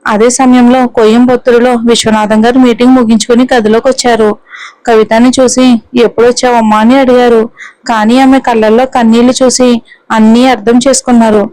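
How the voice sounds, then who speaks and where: A woman narrating a story in a steady, even reading manner. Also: a little high, brisk, low-quality recording. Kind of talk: scripted narration.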